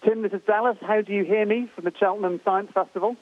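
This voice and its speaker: A man's voice: high-pitched, steady tone, fast talker. A man hosting a live event in an effusive way, often repeating words, over a radio link. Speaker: event host. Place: science festival venue with an audience. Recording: tinny, dry radio link.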